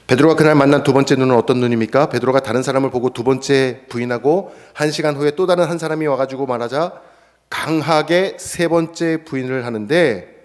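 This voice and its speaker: A male pastor with a mid-range voice preaches an expository sermon at a brisk pace in a church sanctuary. He is animated and acts out the voices in the scripture quotes, and the recording carries the echo of the church hall.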